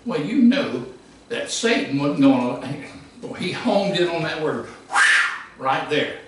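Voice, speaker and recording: A man preaching a sermon, emphatic, rising to shouts and dropping low. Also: lively intonation, slow, heavy background noise. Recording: echoey hall from far off.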